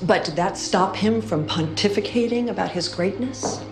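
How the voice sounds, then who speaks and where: An actress playing a bitter, sardonic widow in a TV drama, scornful and cutting with disappointment. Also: female voice, medium pitch, moderate pace, over music, close to an everyday voice. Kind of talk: naturalistic TV drama acting.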